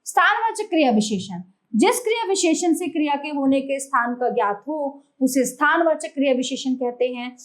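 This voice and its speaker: A woman teaching a grammar lesson to young children, reading out example words slowly and clearly, and addressing them as dear children. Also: high-pitched, expressive, rough recording. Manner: slow, deliberate listing of example words.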